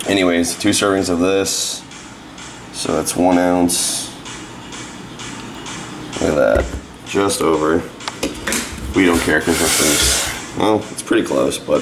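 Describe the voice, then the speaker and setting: A young man with a hoarse, worn-out voice, chatting casually to camera as a fitness vlogger and rambling through a story. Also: sits low, a little hiss or hum, poor audio. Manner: chatty, rambling, telling a story with shouted quotes. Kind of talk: casual vlog talk to camera.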